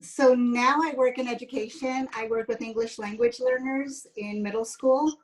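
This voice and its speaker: Here the former pastry chef turned educator, a San Jose woman in her fifties, chats as an interview guest, explaining and recounting personal stories casually. Her voice is on the high side with fairly even intonation and a moderate pace, captured in a low-quality recording.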